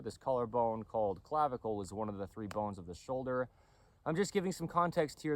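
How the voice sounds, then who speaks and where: A clothing company owner lectures casually to camera about anatomy and body mechanics in a medium-pitched voice with no echo. He repeats himself and keeps stopping to ask "okay?"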